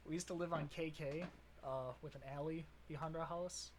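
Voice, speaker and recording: A man's voice: a little high, fairly even intonation, normal speed, slight background noise. A young man with a Wisconsin accent, co-hosting a podcast in casual chat, rambling and laughing often. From Wisconsin, USA. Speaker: podcast co-host.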